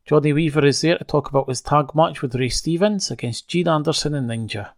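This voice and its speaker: A man's voice: a little high, brisk, no room sound, clean studio sound. A man casually recapping an old wrestling broadcast, conversational with wry asides. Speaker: wrestling show reviewer.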